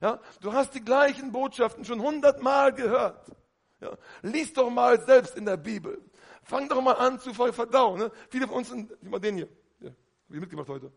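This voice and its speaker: High-voiced preacher, animated. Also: male voice, moderate pace, gravelly. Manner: animated, exclaims hallelujah often, talks directly to the congregation. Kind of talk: lively sermon.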